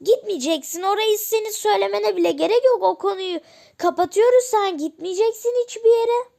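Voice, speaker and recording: A woman's voice: very high-pitched, a little fast, creaky, dark tone. A woman voicing a husband who firmly forbids his wife to leave, in a commanding tone in a family role-play. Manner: commanding, firm.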